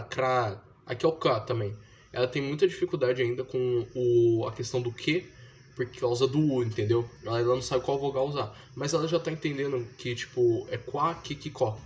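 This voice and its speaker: A man's voice: mid-range voice, a little mellow, a little hiss or hum. A young man from Brazil, talking casually and explaining step by step, with slangy fillers. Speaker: vlogger teaching his younger sister to read. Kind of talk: casual slangy monologue to camera.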